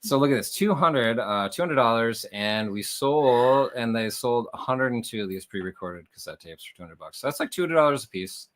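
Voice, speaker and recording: A man hosts a livestream as a reseller, speaking directly to viewers in a casual, explanatory, conversational way. His medium-pitched voice is animated, with a moderate pace and few pauses.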